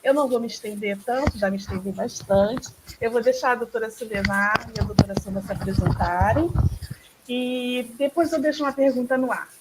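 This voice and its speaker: A woman's voice: on the high side, a little fast, very noisy. Chatty Brazilian woman hosting an online talk. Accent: Brazilian Portuguese. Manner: chatty, frequent tag questions, laughs often. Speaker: host.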